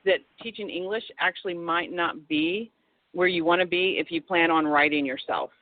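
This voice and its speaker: A woman's voice: on the low side, moderate pace, dry recording. A talkative woman guest on a radio interview, rambling through her stories with frequent restarts. Her voice comes down a thin, tinny phone line with a dry, close sound. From Texas. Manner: chatty, rambling with many restarts. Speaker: guest author.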